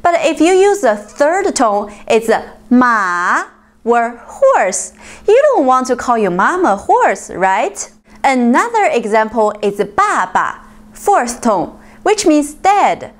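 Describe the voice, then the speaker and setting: Slow, lively-voiced woman teaching tones. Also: high voice. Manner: slow, clear modelling of tones, friendly. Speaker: Mandarin teacher. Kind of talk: YouTube language lesson.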